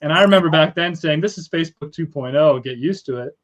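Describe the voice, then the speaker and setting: A man's voice: fairly high pitch, quick pace. A man talking as a guest in a casual interview over a video call, easygoing and joking.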